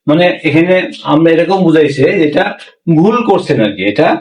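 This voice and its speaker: A man teaching a language lesson, repeating phrases slowly and asking the class rhetorical questions. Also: fairly high pitch, darkish tone. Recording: roomy, mic far from speaker.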